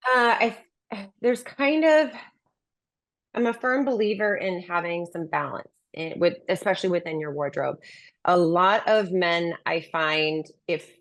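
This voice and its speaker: A woman's voice: lowish voice, a little slow. A woman speaking as a dating coach in a conversational interview, explaining things and giving opinionated advice. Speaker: dating and relationship coach, menswear stylist.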